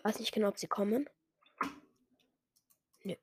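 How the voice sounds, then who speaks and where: A woman's voice: medium pitch, a little slow, darkish tone, slightly rough. A woman giving casual, self-mocking commentary while playing a game, muttering some lines under her breath. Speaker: gamer.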